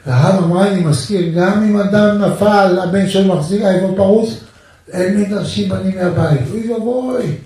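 A man giving a religious talk, retelling stories of rabbis and acting out the people in them. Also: high voice. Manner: animated storytelling, quotes others aloud. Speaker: religious speaker. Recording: very echoey room.

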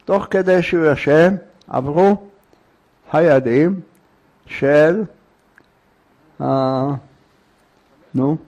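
A man's voice: on the high side, long pauses, a little mellow, dull audio. A man teaching a religious lesson, telling a story in short clipped phrases and prodding his listeners with questions.

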